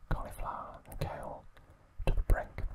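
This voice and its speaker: An ASMR host recaps trivia in a soft, gentle, breathy whisper with no voiced tone. The storytelling is unhurried and tender throughout.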